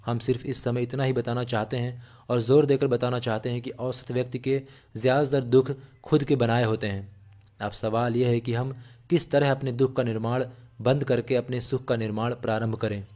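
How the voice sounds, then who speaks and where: A man reading a self-help audiobook aloud in a steady, earnest way, with small slips and restarts. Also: mid-range voice, moderate pace. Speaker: audiobook narrator. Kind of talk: scripted audiobook narration.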